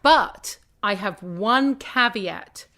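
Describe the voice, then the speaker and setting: A woman's voice: mid-range voice, expressive, drawn-out words, bright, forceful tone. A British-accented woman chats as a guest on a podcast. She rambles, restarts her sentences and adds asides as she tells her stories. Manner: chatty, many restarts and asides. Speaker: guest, theatre company founder. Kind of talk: casual podcast interview.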